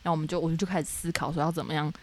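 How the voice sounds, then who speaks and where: A young woman from Taiwan, co-hosting a podcast, telling her dreams in animated casual chat full of fillers. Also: low-pitched, very fast. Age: young adult. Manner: animated storytelling with many fillers. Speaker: podcast co-host.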